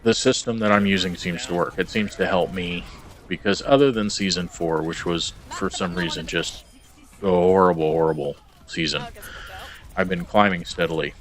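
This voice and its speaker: A man's voice: sits low, moderate pace, fairly bright tone. A man recording a casual video log about his game stats, rambling and hesitant with plenty of ums and uhs. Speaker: gamer vlogger.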